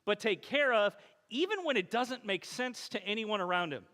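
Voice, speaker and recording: A man delivers a conversational sermon, animated and storytelling, slipping into quoted voices. His voice sits high and sounds bright and forward. The sound carries the long echo of a church sanctuary. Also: moderate pace. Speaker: pastor. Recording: echoey church hall.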